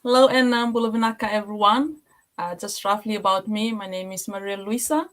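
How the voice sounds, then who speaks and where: A woman's voice: medium pitch, steady tone, brisk. A woman from Fiji, a guest on an online live chat, speaking in a plain, friendly way.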